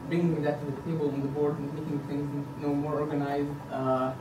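A fairly high, flat-sounding male voice moves along quite quickly as this Egyptian man in his thirties makes his earnest bid for the board at a podium. He hesitates frequently and uses fillers. Recorded by a far camera in an indoor meeting room, the audio carries echo and background hiss.

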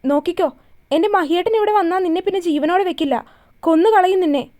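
A woman's voice: very high voice, fast talker, dark tone. A woman voicing a frightened but defiant young woman held captive, speaking in anger through pain. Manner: defiant, pained.

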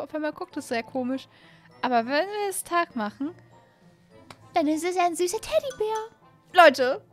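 Background music runs beneath a high-pitched twenty-something woman who hosts a gaming channel. She delivers gushing, excitable let's-play commentary to viewers, mixing in English words. She's indoors in a small home gaming room, recorded close on a desk mic mounted on an arm, plus a headset.

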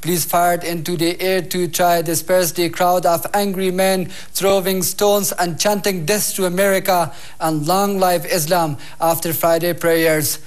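A man's voice: high-pitched, level tone, a little slow, few pauses, clear, resonant tone. A young man with an Afghan accent reading scripted news as an anchor, on a lapel mic in a TV studio. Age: young adult.

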